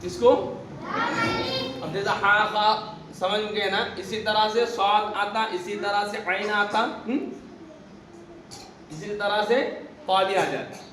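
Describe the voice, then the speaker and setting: A man's voice: high voice, steady tone, slow, pauses often, sharp tone. A man teaching a class on Arabic letters, asking questions and repeating the answers himself. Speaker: religious teacher. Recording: echoey room, distant mic, background noise.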